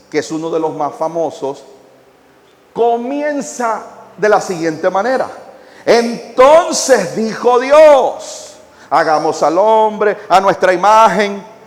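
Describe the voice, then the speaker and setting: High, lively preacher in an echoey hall. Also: male voice. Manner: calls the congregation to repeat phrases; swings from quiet drawn-out phrases to shouted emphasis. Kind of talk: sermon.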